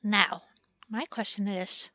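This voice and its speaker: A woman's voice: mid-range voice, fairly even intonation, slow pace, pushed and bright, no echo, lo-fi sound. A woman hosting a gaming channel, chatting through a building session in a playful way and talking to the game pieces as she works.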